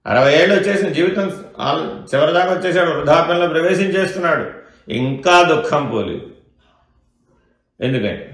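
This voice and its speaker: A man's voice: fairly high pitch, animated, a little fast, long pauses. A man giving a question-and-answer spiritual discourse as a teacher, keeping his listeners engaged with rhetorical questions. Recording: echoey room.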